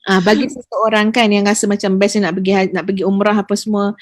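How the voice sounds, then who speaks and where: A woman's voice: mid-range voice, fairly quick, no echo, clean studio sound. A woman religious teacher, telling stories with feeling in a podcast chat. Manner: lively storytelling, lively with emotion.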